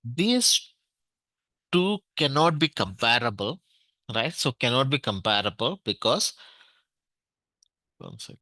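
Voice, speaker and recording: An Indian English-accented man leads an online technical class, walking through each step and often pausing on "right?". His voice is bright and fairly forceful. The sound is dry and close, with no room around it. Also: mid-range voice, very animated, no echo. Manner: explains step by step, checks in with "right?", many fillers. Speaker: database administration trainer.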